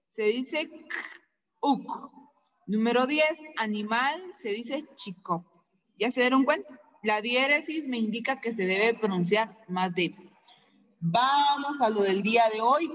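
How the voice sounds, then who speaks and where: A woman teacher giving an online class, saying each word slowly and repeating it for her pupils. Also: on the high side, fairly bright tone, long reverb tail, poor audio.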